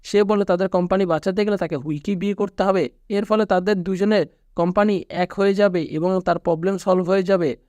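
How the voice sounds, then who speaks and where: A man with a Bangladeshi Bengali accent narrating a movie plot recap in a steady storytelling manner. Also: high-pitched, a little fast, no echo. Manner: steady storytelling recap, quoting characters flatly. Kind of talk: scripted narration.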